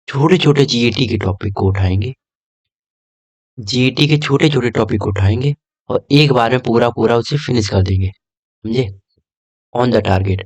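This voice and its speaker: A young man teaches an exam-prep lesson. He talks casually at a medium pitch and keeps checking that his students follow with a quick "okay?". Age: young adult.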